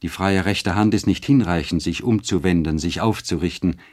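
A man narrating a classic novel as an audiobook, measured and expressive. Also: sits low.

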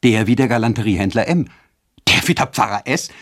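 A man voicing a spoiled, capricious young noblewoman who talks in a shrill, imperious and gushing way. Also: lively intonation, a little fast, a bit bright, dry recording, studio quality. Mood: mocking.

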